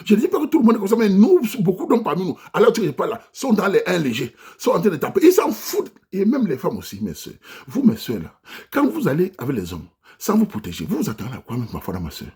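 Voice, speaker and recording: A man with a Cameroonian French accent delivers a heated vlog rant, urging his listeners directly. His voice is rough and husky, sitting a little high, and his pitch swings widely as he lectures. He talks fast and preaches without letting up. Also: huge pitch swings, a little mellow. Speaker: vlogger addressing his diaspora audience. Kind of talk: impassioned monologue rant.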